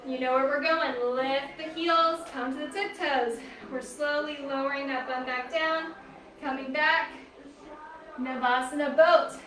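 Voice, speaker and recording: Brief: high-pitched woman yoga instructor, a little out of breath, calm encouraging cues, mic at a distance. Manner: calm, encouraging, counts poses aloud. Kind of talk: guided yoga class cues. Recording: echoey room, mic at a distance, faint noise.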